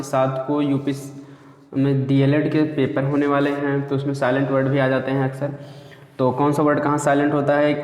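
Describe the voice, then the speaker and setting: A man's voice: medium pitch, a little mellow. A male teacher giving a lesson, explaining step by step and repeating points, often calling his listeners friends. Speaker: English teacher. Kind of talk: spoken lesson to students. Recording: echoey room, dull lo-fi sound.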